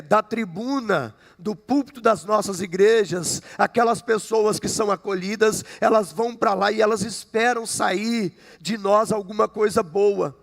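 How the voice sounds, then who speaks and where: In a church sanctuary full of long hall reverb, a high, gravelly-voiced man in his fifties preaches to his congregation. The Brazilian pastor keeps the sermon conversational, with jokes and plenty of "né?".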